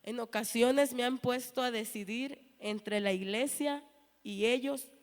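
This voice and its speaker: A woman's voice: fairly high pitch, steady tone, unhurried. Earnest woman giving church testimony. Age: 30s. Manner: earnest storytelling, acting out quoted dialogue. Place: church hall. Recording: long hall reverb.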